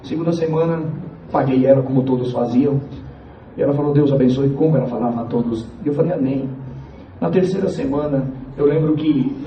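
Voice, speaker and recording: A man from Piauí, giving a church testimony to the congregation in an earnest, halting way and repeating his phrases. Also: mid-range voice, a little hiss or hum. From Piauí, Brazil. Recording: echoey, distant, dull church recording.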